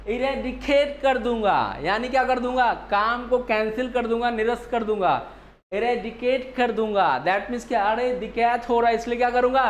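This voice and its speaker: A male teacher giving an online exam-prep vocabulary lesson, drilling students with repeated rhetorical questions. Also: extremely high pitch. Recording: echoey room, faint background hiss.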